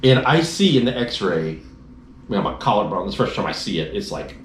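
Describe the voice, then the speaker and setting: A man with a fairly low voice tells a rambling personal story in a relaxed chat, slipping into other people's voices as he quotes them. He is in a roomy, echoey space with a faint hiss underneath. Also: fairly quick. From Dallas-Fort Worth area, Texas. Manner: animated storyteller, acts out quoted dialogue. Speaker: motorcycle trip rider telling his story.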